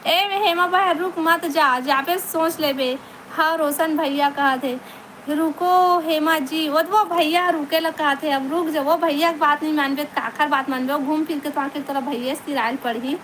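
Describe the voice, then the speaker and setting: A woman's voice: high-pitched, fairly even intonation, normal speed, fairly bright tone, a little hiss or hum, rough recording. A woman with a Chhattisgarhi accent, chatting casually on her live stream, greeting viewers by name and laughing often, on a phone mic. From Chhattisgarh, India.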